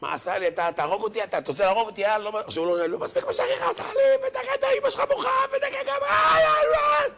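A man acting out an irate middle-aged father who scolds his yeshiva son and works himself up into shrill shouting. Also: vocal fry, few pauses, background noise. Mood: angry.

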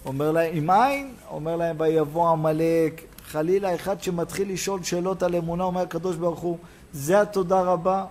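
A rabbi giving a Hebrew sermon, preaching emphatically and swinging between loud exclamations and quiet asides. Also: male voice, high voice.

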